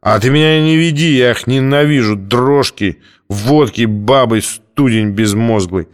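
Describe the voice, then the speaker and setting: A man voicing a belligerent drunk young man who shouts slurred threats in a raised voice. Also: mid-range voice, measured pace, natural voice. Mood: ranting.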